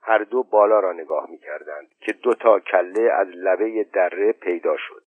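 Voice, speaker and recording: A man reading an audiobook story in even, measured narration. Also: deep voice, breathy edge, no room sound. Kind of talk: scripted narration. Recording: thin phone-like sound, dry.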